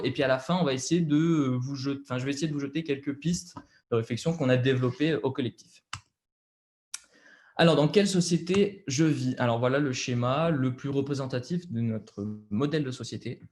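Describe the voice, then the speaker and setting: A man's voice: mid-range voice, darkish tone. A young man with a French accent presenting slides over a video call, hesitant, with many fillers and restarts.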